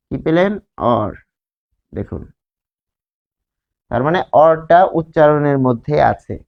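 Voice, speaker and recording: A man teaching a grammar lesson at a board, spelling words out slowly and answering his own questions. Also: on the high side. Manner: asks questions and answers them himself. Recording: dull lo-fi sound.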